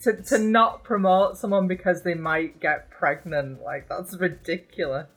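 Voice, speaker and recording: Woman podcast co-host, lowish voice, earnest casual chat, faint music behind. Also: a little slow, husky, poor audio.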